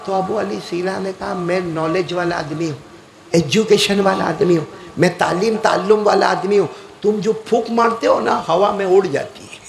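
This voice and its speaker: Male preacher, storytelling sermon, high gravelly voice, animated. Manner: animated, calls out to the crowd.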